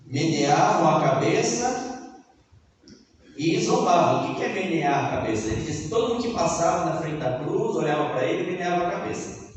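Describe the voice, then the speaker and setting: Male preacher, high voice, reads scripture and questions the congregation, heard from afar in an echoing church hall. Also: animated, normal speed. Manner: reads scripture then explains it, acting out mocking crowds. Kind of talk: sermon. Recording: echoey hall, distant mic, faint noise.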